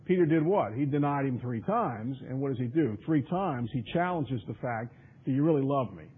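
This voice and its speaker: A man's voice: mid-range voice, expressive, normal speed, slight background noise. A man preaching a Bible study sermon. He reads scripture aloud in old-fashioned wording, then explains it conversationally with many fillers and repeated words. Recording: tinny, phone-like radio broadcast.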